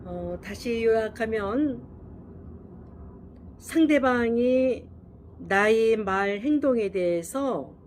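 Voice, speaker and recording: A woman giving a counseling lecture on handling criticism in a measured way, pausing on hesitation fillers and acting out example dialogues. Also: on the high side, expressive, a little mellow, slight background noise. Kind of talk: instructional talk on handling criticism.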